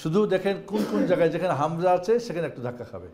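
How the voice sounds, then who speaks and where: A man's voice: fairly high pitch, expressive, very fast, a crowd in the background. Man teacher chanting letter drills. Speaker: Quran teacher. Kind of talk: online class lesson.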